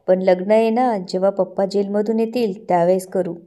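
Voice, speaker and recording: A woman's voice: mid-range voice, fairly even intonation, brisk, dark tone, natural voice. A woman reading the lines of a smug young man from a TV serial in her own plain voice. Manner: read out in a plain narrating voice.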